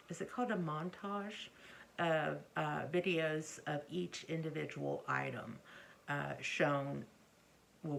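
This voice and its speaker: A woman's voice: low-pitched, fairly bright tone. A middle-aged woman casually showing her things to camera as a vlogger, speaking hesitantly and often trailing off or correcting herself. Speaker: crochet vlogger. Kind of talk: casual rambling show-and-tell to camera. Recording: faint background noise, occasional chair creaks.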